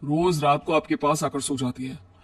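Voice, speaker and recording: A man's voice: a little high, steady tone, moderate pace, a bit bright, no room sound. A man voicing a tired, sulky young husband in a cartoon story, pleading and hurt.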